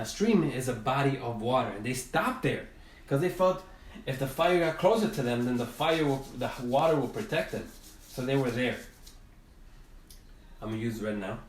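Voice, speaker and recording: A man teaching a drawing class, telling a storybook tale in a gentle, halting way while he draws. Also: medium pitch. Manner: gentle, halting, with many restarts. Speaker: art teacher. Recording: roomy, from a distance.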